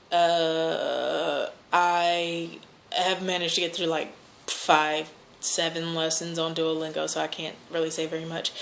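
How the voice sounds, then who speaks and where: A woman's voice: lowish voice, gravelly, pushed and bright. An American woman chatting casually and answering questions, rambling and hesitant as she corrects herself. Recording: noticeable background noise.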